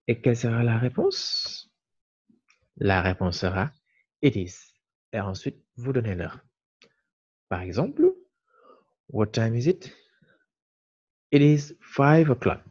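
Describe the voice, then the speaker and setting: Male teacher, unhurried and patient, repeats each key word; slightly raspy voice. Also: mid-range voice, dark tone. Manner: slow and deliberate, repeats key words. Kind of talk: explaining lesson to viewers. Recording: muffled lo-fi recording.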